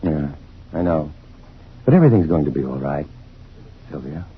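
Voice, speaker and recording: An American actor playing a calm, reassuring, educated scientist hero in an old-time radio drama. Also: male voice, very deep voice, moderate pace. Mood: gentle, reassuring. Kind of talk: 1950s radio drama acting. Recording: dull, lo-fi old radio, faint noise.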